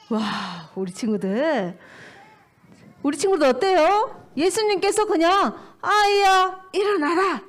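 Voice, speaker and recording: A woman preaching to small children, telling a story with animated, exaggerated delivery. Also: sits high. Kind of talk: storytelling sermon for young children.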